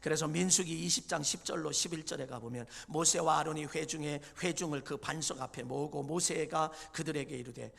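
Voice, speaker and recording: A man preaches a sermon with a high, bright voice roughened by gravel. He retells scripture dramatically, swinging from loud peaks to low, hushed lines. The sound carries the long reverb of a church hall. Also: fairly quick, hardly any pauses. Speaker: pastor. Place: church sanctuary.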